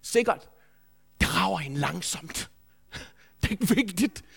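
A man's voice: high voice, animated, gravelly, fairly bright tone, breathy edge. A man preaching a sermon, telling a story in an earnest, anecdotal way with frequent restarts. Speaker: preacher, school head.

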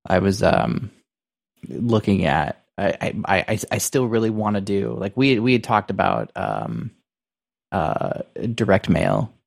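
A man co-hosting a casual business podcast, talking in a halting, circling way full of filler phrases. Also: sits low, very animated, vocal fry. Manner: halting, circling phrasing with repeated "you know" and "like". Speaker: podcast co-host.

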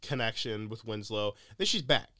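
A man's voice: lowish voice, lively intonation, moderate pace, bright, forceful tone, no room sound, clean studio sound. A man co-hosting a podcast, rambling casually about a film with lots of fillers and laughs. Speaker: podcast co-host. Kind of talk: casual movie chat.

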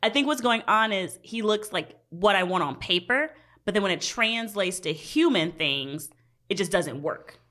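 A woman's voice: mid-range voice, normal speed. A woman in her thirties chatting casually, telling stories and acting out what people said. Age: 30s. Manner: animated storytelling, quotes people in character. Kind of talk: casual chat.

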